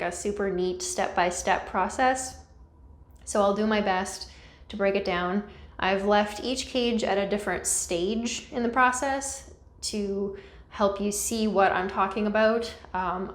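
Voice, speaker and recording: A woman giving a casual, self-deprecating explainer as a vlog host, recorded in a small, echoey, mostly empty room. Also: medium pitch. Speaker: host of a snake-keeping video channel.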